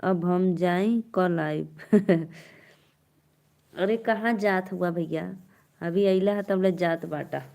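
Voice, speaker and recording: Young Awadhi woman, low-ish voice, unhurried teasing chat with stream viewers, laughs easily. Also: gravelly, a little mellow. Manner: chatty, teasing, laughs often, reads out comments. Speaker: live-stream folk singer host.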